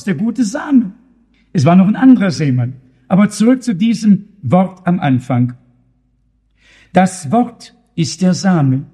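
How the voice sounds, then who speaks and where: A man preaching with a high voice that moves up and down freely. He reads scripture aloud and puts questions to his listeners. His voice has a warm, husky tone and rings with long reverb, as in a large hall. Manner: quotes scripture aloud, asks questions to the congregation. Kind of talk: sermon.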